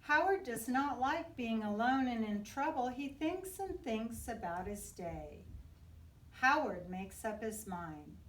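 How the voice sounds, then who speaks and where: An echoey room surrounds this woman, who sits a little back from the mic. She reads a children's storybook aloud in an expressive, very lively voice, shaping it deliberately for small kids. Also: on the high side, recorded from a distance. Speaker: children's book reader. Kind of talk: read-aloud picture book narration.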